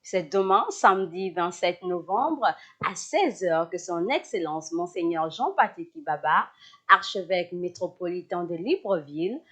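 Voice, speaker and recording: A woman's voice: on the low side, fairly bright tone, breathy edge. A woman news presenter reading scripted narration.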